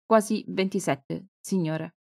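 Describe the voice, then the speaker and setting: A woman's voice: fairly low pitch, takes it slowly, a little mellow. A woman reading the lines of a timid, hesitant young woman chocolatier in her twenties, in an audiobook.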